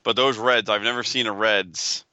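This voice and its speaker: Sharp, forceful-voiced man in casual banter. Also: on the low side, steady tone, normal speed, clear, resonant tone, no room sound, lo-fi sound. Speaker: podcast co-host. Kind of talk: casual chat.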